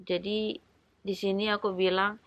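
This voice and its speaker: A woman's voice: medium pitch, flat delivery, a little slow, dry recording, lo-fi sound. A woman talking casually about faith and prayer, encouraging her listeners and acting out short prayers in a conversational way. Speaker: Bible study vlogger. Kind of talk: casual devotional talk.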